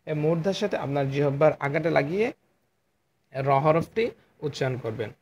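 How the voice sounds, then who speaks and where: A man teaching Quran letter articulation in an online class, explaining slowly and repeating each letter sound for his students. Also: fairly high pitch, darkish tone, slight background noise. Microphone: phone.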